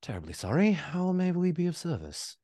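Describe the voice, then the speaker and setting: A small talking rat of great courtesy, acted out by a man for a tabletop game. The speech is formal and gentlemanly, with lively swings in pitch, in a close, dry recording. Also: fairly quick, no room sound. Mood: courteous, measured.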